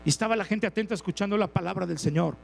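Mexican male preacher with an unusually high voice, playful storyteller who acts out characters and asks the crowd questions. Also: very fast, creaky, big-room sound, rough recording. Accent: Mexican Spanish. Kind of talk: sermon.

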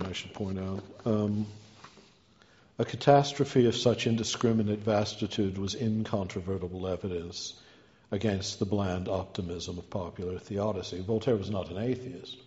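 A man's voice: sits low, warm tone. A man delivering a scholarly lecture from a prepared text, with erudite, ornate phrasing and an emphatic, rhetorical delivery. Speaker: guest lecturer giving a talk. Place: large reverberant hall. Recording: muffled, reverberant hall recording.

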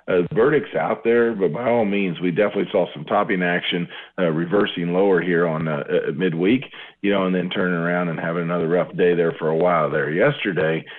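A man with a deep, slightly husky voice talks over a thin, tinny phone line. He answers questions casually and keeps dropping in fillers and small restarts as he thinks aloud. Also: steady tone, fairly quick. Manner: conversational, many fillers and restarts. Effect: speaking over the phone. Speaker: agricultural market analyst. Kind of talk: radio interview answers.

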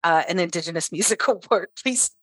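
A middle-aged woman from Canada, a throat singer chatting as a guest in an interview, lively and quick to laugh. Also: on the low side, husky, dry recording. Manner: lively storyteller, laughs often. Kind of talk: casual interview chat.

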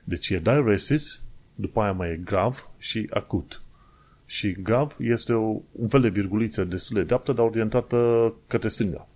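A man from Romania talks straight to his viewers in a loose, conversational monologue. His voice sits fairly low, and he explains patiently, wandering off on small tangents and pausing to find his words. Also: a little mellow. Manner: chatty, digressive, explains step by step with hesitations.

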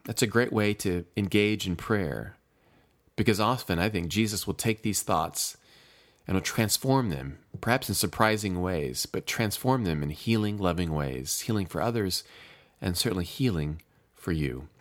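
A man who is a pastor hosting a devotional podcast, speaking gently and reflectively with many pauses. His throat keeps catching, with small coughs here and there. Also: low voice, animated. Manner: gentle, reflective, pausing often.

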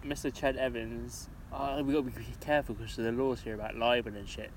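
A man's voice: mid-range voice, steady tone, brisk, a little hiss or hum, poor audio. A young man co-hosting a podcast, blunt and swearing, laughing often in casual banter. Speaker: podcast co-host.

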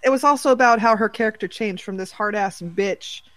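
A co-host in casual chat, talkative and quick to laugh. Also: mid-range voice, a bit bright, no room sound, low-quality recording. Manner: chatty, laughs easily, uses fillers. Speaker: podcast co-host.

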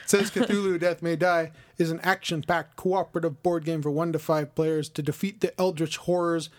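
A man's voice: on the high side, fairly even intonation, normal speed. A man co-hosting a board game podcast in casual chat, easygoing and often trailing off mid-sentence.

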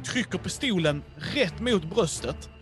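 A man narrating as game master in a casual, animated way with many filler words. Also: sits high, faint music behind. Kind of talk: casual role-play narration.

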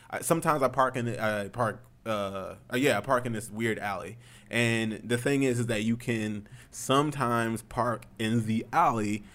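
A man's voice: mid-range voice, a bit bright. A young man, a streamer, telling a story in casual chat, rambling and swearing, growing heated as he retells it.

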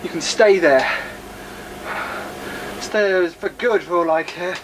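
A man's voice: high voice, slow. A young man playing a flustered, exasperated homeowner who stammers and talks to viewers in a homemade comedy sketch. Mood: weary. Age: young adult. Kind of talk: amateur comedy sketch with direct address to viewers. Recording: noisy homemade video.

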